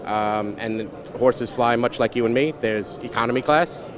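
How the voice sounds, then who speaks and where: A man who ships horses overseas, explaining his work in a relaxed, joking way. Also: mid-range voice, unhurried. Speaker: horse shipping agent. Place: outdoors at a horse sale. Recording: crowd noise behind.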